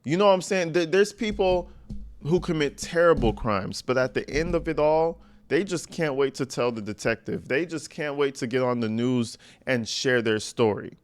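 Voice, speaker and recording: A man's voice: medium pitch, expressive, normal speed. A man hosting true-crime commentary in an informal, opinionated style, blunt and slangy with emphatic stresses.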